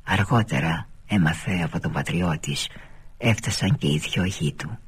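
Husky low-voiced male narrator. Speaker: reader of a novel. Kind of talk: literary audiobook narration.

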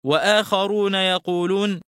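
A man teaching Quran recitation rules in a formal radio lesson, drawing out examples slowly and with measured care. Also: high voice, fairly even intonation, fairly bright tone, dry recording, studio quality. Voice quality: smooth, clear voice.

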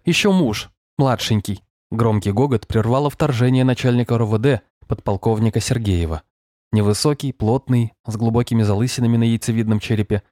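A man reading an audiobook in measured, even narration. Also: lowish voice, no echo, clean studio sound. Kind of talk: scripted narration.

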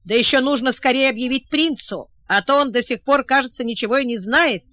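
A woman reading the part of a calm, self-assured male field marshal who speaks matter-of-factly. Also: sits high, brisk, no echo.

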